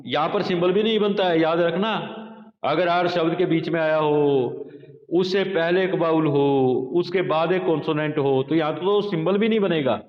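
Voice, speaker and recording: Man, teacher, slow deliberate lecture, repeats examples, somewhat high voice, long reverb, lo-fi. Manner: slow, repetitive, addresses students as children. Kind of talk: classroom phonetics lecture. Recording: echoey lo-fi room recording.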